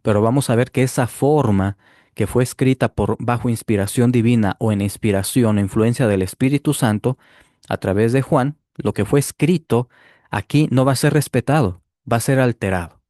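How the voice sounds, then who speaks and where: A man giving a deliberate Bible commentary, explaining step by step and checking in with the listener. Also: mid-range voice, mellow, no echo, studio quality. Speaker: Bible teacher rebutting a clip. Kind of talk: apologetics commentary.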